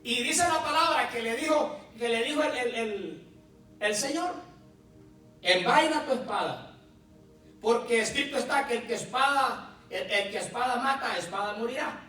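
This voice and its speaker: A male pastor delivering a sermon, with dramatic pauses and acted-out quotes. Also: very high-pitched, pushed and bright. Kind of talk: Spanish-language sermon. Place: church sanctuary. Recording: very echoey church hall from far off, with music.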